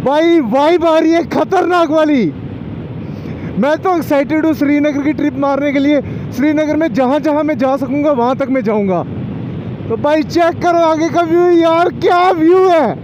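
A man vlogging from his motorbike, talking excitedly as his voice echoes inside a road tunnel. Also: extremely high pitch, moderate pace, lo-fi sound, background noise. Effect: echoing tunnel. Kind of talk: excited ride commentary.

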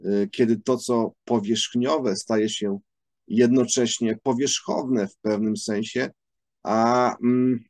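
Slow, hesitant man reviewing a book. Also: mid-range voice, a little mellow, no room sound. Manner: halting, many drawn-out "y" fillers, thoughtful.

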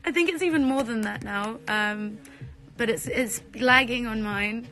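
A young woman talking to viewers on a live stream, close to tears, giggly and breathless, swinging between loud outbursts and soft sighs. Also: on the high side, a little slow. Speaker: social media creator on a live stream. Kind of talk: emotional live stream chat.

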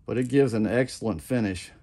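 This middle-aged custom lure maker talks a little fast in a lowish voice with vocal fry while casually demonstrating a how-to at his home workbench. Relaxed and plain-spoken, he rambles and repeats himself often, leaning on "like I said."

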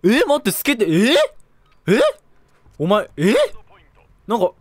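A young man giving casual, rambling commentary over his own gameplay, often excitable and given to bursts of shouting and laughter. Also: sits high, unhurried, no echo, studio quality. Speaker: gaming video creator.

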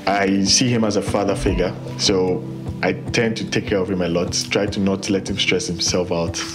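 A man from Ghana with a deep voice explains his work in a steady, matter-of-fact way. It is a documentary interview. Clear background music runs under him. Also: normal speed. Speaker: biomedical engineer. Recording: interview with music bed behind.

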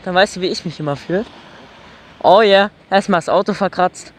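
A man's voice: high voice, a little fast. A young man vlogging from a bike with his microphone tucked inside his helmet, rowdy and whooping as he rides. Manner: rowdy, whooping and yelling while riding. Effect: voice from a mic inside a helmet. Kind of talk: casual vlog chat. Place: outdoors on a moving bike in the city. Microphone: microphone inside his helmet lining.

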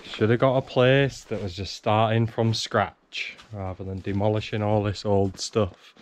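A man in his thirties, a homesteader vlogger, films himself on a handheld action camera while stripping out a half-demolished wooden barn. His voice is on the low side, fairly monotone and a little slow, as he chats wryly to himself while he works.

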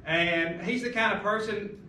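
A man's voice: high-pitched, a little slow, pushed and bright, roomy sound, slight background noise. A middle-aged man pastor preaching a sermon at a lectern, asking emphatic rhetorical questions, recorded by a far camera in a large carpeted church room.

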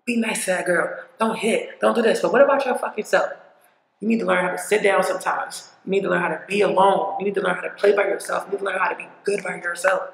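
A woman's voice: medium pitch, creaky, reverberant, a little hiss or hum, poor audio. A woman vlogger talking bluntly and profanely in a rambling, casual opinion rant.

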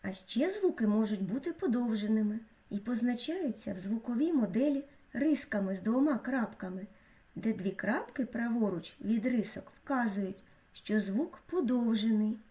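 A woman narrating a scripted school lesson in a slow, clear, teacherly way with careful pronunciation. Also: a little high, expressive, warm tone.

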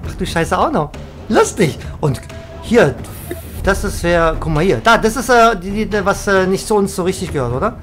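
A woman live-streaming a video game, chatting excitably with viewers and often trailing off and restarting. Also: mid-range voice, moderate pace, soft background music. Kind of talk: casual live-stream chat while gaming.

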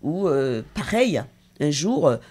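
A woman's voice: deep voice, big pitch swings, takes it slowly, warm tone. A middle-aged woman, a talk show guest and association president, giving an intense, emotional personal testimony with hesitations.

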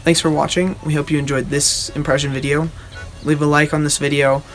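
A young man with a somewhat high voice hosts an informal demonstration. He explains things step by step in a halting, casual way while his hands are busy. He is outdoors, a short way from the camera, with music behind him. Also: little pitch movement, fairly bright tone. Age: teenager or young adult. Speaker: video host. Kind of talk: casual explanatory show-and-tell. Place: outdoors on a wooden backyard deck.

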